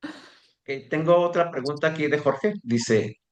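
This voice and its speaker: A man's voice: on the high side, slow. Man moderating an online book talk. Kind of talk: reading audience questions, chatting. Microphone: video call.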